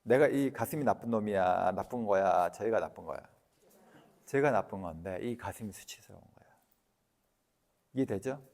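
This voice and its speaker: A man giving a lecture, lively and talkative, who keeps quizzing his audience with questions. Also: lowish voice, moderate pace, pauses often, in a large hall.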